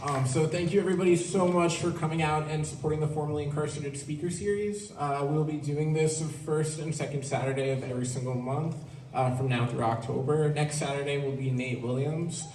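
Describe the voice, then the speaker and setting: A man of middling pitch gives friendly closing announcements, filling pauses with "um" and "uh". He is heard from across a reverberant hall with a faint hiss. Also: fairly even intonation, darkish tone. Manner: friendly, with "um" and "uh" fillers. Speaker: event organizer making announcements. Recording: distant echoey live recording with faint noise.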